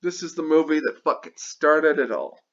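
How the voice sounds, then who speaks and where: A man's voice: on the high side, normal speed. Man, angry rant, heavy swearing, repeats phrases, dull lo-fi sound. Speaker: movie reviewer. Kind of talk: ranting video review. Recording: dull lo-fi recording.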